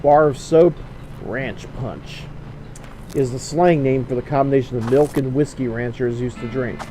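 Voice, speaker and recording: A man with a middling pitch narrates a video game as he plays it. He reads the on-screen text aloud and adds his own commentary, with guitar game music clearly behind him. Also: normal speed, mellow, poor audio.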